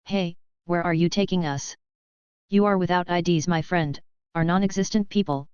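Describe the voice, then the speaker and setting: A man's voice: sits high, fairly even intonation, normal speed, smooth, dry recording, lo-fi sound, close to an everyday voice. A woman reading the lines of a cruel older male police officer in a menacing, mocking way.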